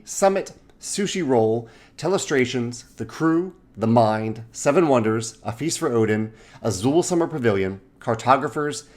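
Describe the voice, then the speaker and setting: A man in his forties who hosts a board game channel, talking casually and correcting himself as he rambles through lists of titles. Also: mid-range voice. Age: 40s. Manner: rambling, self-correcting, listing titles in quick bursts. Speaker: game designer and channel host. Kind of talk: casual video monologue.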